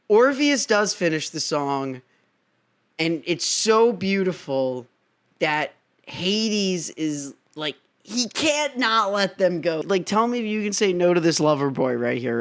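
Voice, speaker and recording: A man hosting a casual review vlog, talking in an excitable, rambling way with frequent laughter. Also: high-pitched, smooth. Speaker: host.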